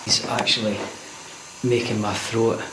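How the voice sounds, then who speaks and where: A man working as a medium on a ghost hunt, describing what he senses in a slow, halting way. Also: lowish voice, little pitch movement. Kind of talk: psychic reading on a ghost hunt. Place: dark castle rooms. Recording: echoey rooms with background noise.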